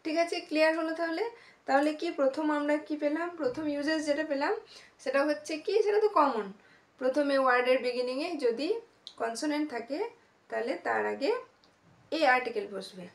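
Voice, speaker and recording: Woman teacher explaining grammar, patient, repeats stuff, high voice, echoey room. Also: fairly quick. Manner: patient, repeats words and asks if it is clear. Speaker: English teacher. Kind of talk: grammar lesson explained in Bengali.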